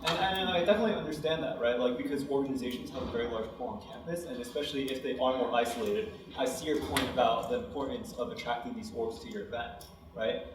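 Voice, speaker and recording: Man, quick argumentative delivery, noisy echoey room, distant mic. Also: mid-range voice. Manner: quick, argumentative, tag questions. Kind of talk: meeting discussion. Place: meeting room.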